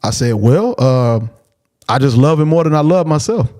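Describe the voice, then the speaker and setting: A man, a father and show host, telling a personal story in a blunt, animated way, repeating key phrases and acting out what he said. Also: medium pitch, moderate pace. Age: adult, father of a preteen. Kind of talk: casual storytelling.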